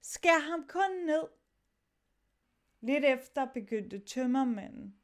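A woman with a high-pitched voice reads a sailors' story aloud. She shifts her tone as she moves between the sailors' lines. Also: lively intonation. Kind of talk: dramatic reading of a sea story.

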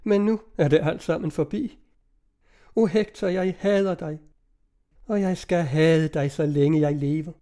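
A man's voice: fairly high pitch, dark tone, natural voice. A man reading aloud, voicing a desperate young woman in love in an old-fashioned storybook. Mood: anguished. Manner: anguished, pleading.

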